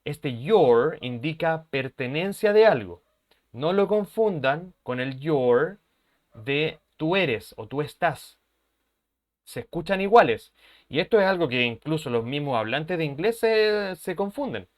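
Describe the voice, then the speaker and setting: A man's voice: a little high, expressive, unhurried. A man, an English teacher who explains patiently, repeats his points and keeps checking that his students follow. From Chile. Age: 30s. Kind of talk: language lesson explanation.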